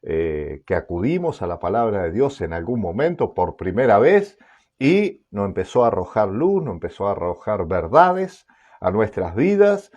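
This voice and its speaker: Male preacher, slow unhurried delivery, lively rising and falling pitch, dull lo-fi recording. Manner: repeats words and asks "¿sí?" often, with many "eh" fillers. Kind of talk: sermon.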